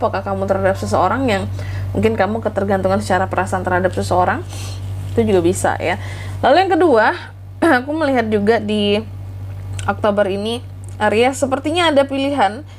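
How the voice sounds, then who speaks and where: A woman's voice: fairly high pitch, slight background noise. A woman hosting a casual tarot horoscope reading, chatty and informal, speaking directly to listeners with a congested, nasal voice from a blocked nose and flu. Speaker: tarot reading channel host. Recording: music behind the voice. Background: background music.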